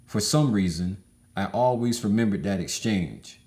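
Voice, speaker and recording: A man reading a memoir aloud as an audiobook, in a measured, steady way. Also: lowish voice. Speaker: audiobook reader.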